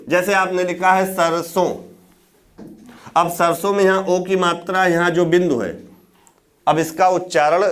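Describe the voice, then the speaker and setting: Man, higher-pitched voice, teacher, classroom lecture, asks and answers his own questions, repeats example words slowly. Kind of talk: classroom lecture on Hindi grammar.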